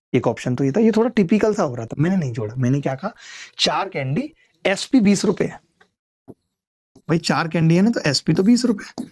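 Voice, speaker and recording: Lively male maths teacher, chatty. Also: sits high. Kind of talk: exam maths lesson.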